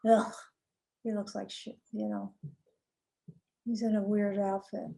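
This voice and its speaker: A woman's voice: medium pitch, level tone, unhurried, vocal fry, dark tone. A woman co-hosting a casual watch-along show, narrating what happens on screen with dry jokes. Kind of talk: casual reaction chat while watching a TV episode.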